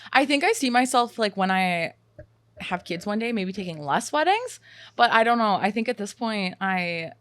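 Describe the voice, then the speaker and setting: A woman's voice: medium pitch, animated, moderate pace, a bit bright, no echo. Chatty woman in her twenties, dry sound. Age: 20s. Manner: chatty, upbeat, laughs often. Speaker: podcast co-host. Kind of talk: casual chat.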